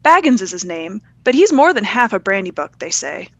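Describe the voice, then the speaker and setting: A woman's voice: medium pitch, big pitch swings, fairly quick. A woman voicing an old male hobbit villager in a storybook, a suspicious, folksy pub gossip.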